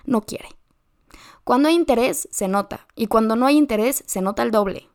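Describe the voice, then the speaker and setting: A podcast host with a Mexican Spanish accent delivers a motivational monologue, offering blunt, slangy advice directly to the listener. Her voice is somewhat high with a darkish tone, and her pace is moderate.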